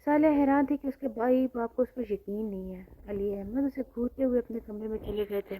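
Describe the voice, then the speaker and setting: A woman narrating a romantic novel in steady scripted storytelling. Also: fairly high pitch.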